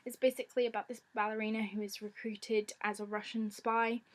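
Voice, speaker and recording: Croaky, higher-pitched woman vlogger. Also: level tone, brisk. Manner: informal, giggly. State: croaky from a lingering ailment. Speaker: film vlogger. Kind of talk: casual chatty presenting to camera.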